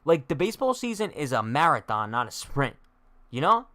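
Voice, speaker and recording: A young man with a fairly high, bright voice hosts a live-stream sports chat, slangy and full of joking trash talk. He reads viewer comments and answers them in the same breath. The sound is dry and close, with no room around it. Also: very animated, moderate pace, no room sound. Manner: slangy, says "bro" a lot. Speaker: sports show host.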